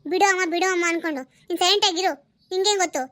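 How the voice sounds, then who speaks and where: A woman's voice: very high voice, very fast, no room sound. Woman voicing a nagging cartoon mother. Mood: scolding. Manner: sharp-tongued, nagging, threatening. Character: scolding middle-aged mother of grown daughters. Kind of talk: cartoon family drama.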